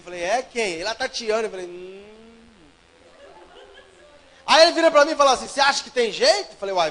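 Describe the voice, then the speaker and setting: A man preaching a sermon, telling a personal story and swinging between loud and hushed delivery. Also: very high voice, poor audio. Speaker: pastor.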